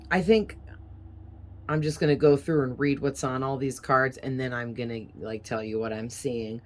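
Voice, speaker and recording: A woman's voice: extremely low pitch, fairly even intonation, normal speed. A woman giving a casual tarot reading in a chatty, rambling way, breathing a little heavily from a sinus infection. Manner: rambling, chatty, with fillers and soft laughs. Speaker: tarot reader.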